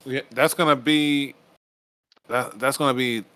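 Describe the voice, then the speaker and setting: A man's voice: medium pitch, steady tone, unhurried, sharp tone, no echo. A man co-hosting a casual podcast, rambling and restarting his sentences, swearing now and then. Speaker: podcast co-host.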